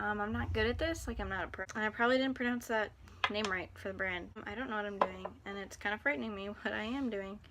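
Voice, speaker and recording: A woman's voice: mid-range voice, noisy background. A teenage girl talking casually through a get-ready-with-me vlog in her bathroom, rambling and making fun of herself. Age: teens. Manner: rambling, self-deprecating and chatty. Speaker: beauty vlogger. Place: home bathroom. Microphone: phone camera nearby.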